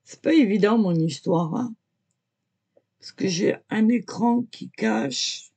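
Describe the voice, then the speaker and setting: In a mid-range, slow, warm and slightly rough voice, a woman casually explains her drawing to viewers. This amateur artist hesitates a lot, leaning on "voilà" and "euh," and talking often sets off coughing or choking.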